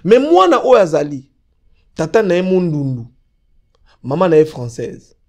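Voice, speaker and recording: This talk show guest, a Congolese man with a Congolese French accent, has a fairly high, slightly mellow voice that is very animated but unhurried. He emphatically explains a law during a political discussion, mixing French and Lingala and repeating fillers while searching for words.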